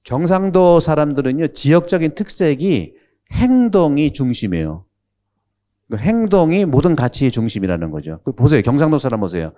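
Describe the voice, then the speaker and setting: Mellow-voiced male priest giving a chatty lecture. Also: mid-range voice, huge pitch swings, moderate pace. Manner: chatty and humorous, asks the audience questions; drops into regional speech when quoting. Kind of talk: conversational catechism lecture.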